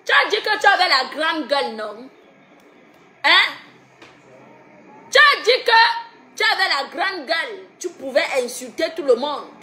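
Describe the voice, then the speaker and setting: A woman's voice: high-pitched, sing-song, unhurried, pauses often, bright, forceful tone. A woman, ranting and taunting, laughing and repeating her jeers. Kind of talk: mocking rant.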